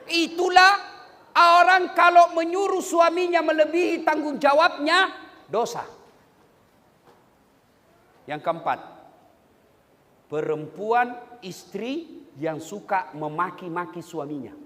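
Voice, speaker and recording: High-voiced comic preacher in a hall. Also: male voice, slow pace, pauses often. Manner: animated, bantering, swings from quiet asides to shouted punchlines. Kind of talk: comic sermon. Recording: hall reverb, faint background ambience.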